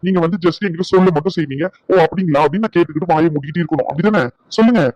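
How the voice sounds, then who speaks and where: A man's voice: on the high side, racing, a little mellow, no room sound, natural voice. An actor playing a short-tempered husband who scolds his wife with bitter sarcasm, in a dull lo-fi recording. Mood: scolding. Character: angry proud husband, adult man, short-tempered. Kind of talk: Tamil family drama acting.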